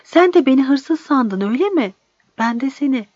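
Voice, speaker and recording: A woman voicing an eager, friendly village boy who pleads in a raised, bright voice. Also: high-pitched, expressive, moderate pace, no room sound, voice pushed up. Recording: dry, slightly dull recording.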